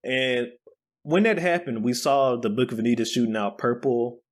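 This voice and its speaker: A man's voice: mid-range voice, fairly even intonation, normal speed. A man co-hosting a casual anime podcast, recapping episodes with hype, swearing and laughing. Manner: hyped, boastful, laughs and swears. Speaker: podcast co-host. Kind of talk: casual anime review chat.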